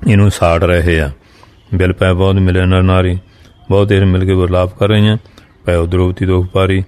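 A low-voiced man leads a religious discourse, chanting a line of old verse and then explaining it in everyday speech. His delivery stays in a narrow, flat band of pitch. He speaks straight to his listeners as a preacher. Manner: recites old verse lines, then glosses each in plain speech; addresses listeners directly. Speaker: Sikh katha preacher. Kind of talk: scripture exposition, reciting verse then explaining.

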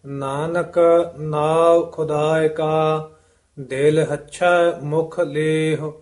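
Man chanting scripture very slowly. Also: fairly high pitch. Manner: steady sing-song chanting. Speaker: student reciting.

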